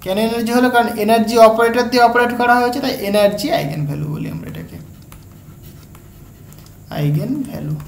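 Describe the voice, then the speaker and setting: A woman with a Bengali accent giving an exam-prep physics lecture, breaking each step down slowly and checking in with her students as she goes. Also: a little high, vocal fry. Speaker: physics tutor. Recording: echoey room, faint background hum.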